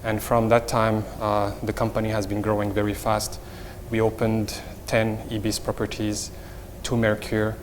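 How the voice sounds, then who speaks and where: A middle-aged man with a Moroccan accent, a hotel company executive appearing as an interview guest, gives semi-formal answers and repeats words as he explains. His fairly low voice keeps a fairly level intonation. It rings through a large hall, with faint noise in the background.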